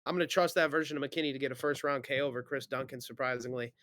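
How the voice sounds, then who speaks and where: A man's voice: medium pitch, steady tone, racing, fairly bright tone, no echo, studio quality. A man thinking aloud through fight predictions in casual chat, hedging and correcting himself.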